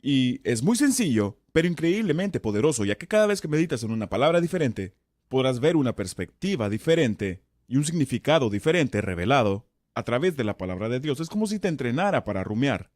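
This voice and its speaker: A man's voice: mid-range voice, big pitch swings, brisk, a little mellow, dry recording, clean studio sound. A man teaching a Bible study session as pastor, emphatic and repeating key words for stress.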